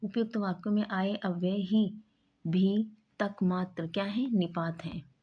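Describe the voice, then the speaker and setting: A woman's voice: mid-range voice, steady tone, unhurried, breathy edge. Woman teaching grammar, slightly muffled audio. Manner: explains with spoken examples, repeats and stresses key words. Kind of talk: exam-prep grammar lesson.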